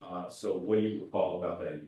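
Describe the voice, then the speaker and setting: A man questioning a witness in court, asking halting questions with frequent restarts, heard as a courtroom recording. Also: low-pitched, fairly even intonation, warm tone. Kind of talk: courtroom examination. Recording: very echoey courtroom audio from far off.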